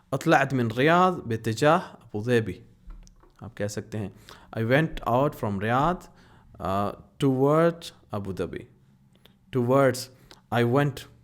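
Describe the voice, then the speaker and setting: A man with a Pakistani accent teaching spoken Arabic in Urdu. He repeats each phrase slowly, then explains it briskly. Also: mid-range voice. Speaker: language teacher.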